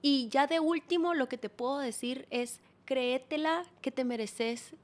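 High-voiced frank woman. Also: measured pace. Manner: frank, direct, swears casually, speaks straight to the listener. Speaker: podcast host. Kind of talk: casual advice podcast.

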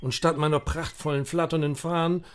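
A man's voice: fairly high pitch, flat delivery, fairly quick, lightly acted. A man voicing a proud, weepy old knight who speaks in a grand, old-fashioned, mournful way, in an amateur audio drama. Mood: grieving.

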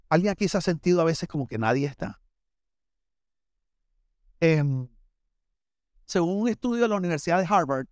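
A middle-aged pastor with a Barranquilla coastal Colombian accent delivers a sermon in a high, bright-pitched voice. He tells stories conversationally and speaks directly to the congregation with humorous asides. The sound is close and dry, with no room echo. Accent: Colombian Caribbean coast (Barranquilla).

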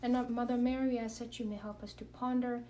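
A woman's voice: a little high, little pitch movement, fast talker, mellow. A woman, a religious sister, earnestly sharing her faith story and leading prayer in an interview. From Kenya. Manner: earnest, reflective. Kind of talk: interview testimony and spoken prayer. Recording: voice a bit far from the mic.

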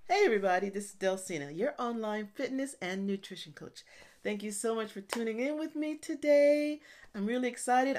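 An online fitness and nutrition coach in her fifties hosts a casual solo podcast in a somewhat high voice. She's chatty and self-deprecating, and she laughs often and easily.

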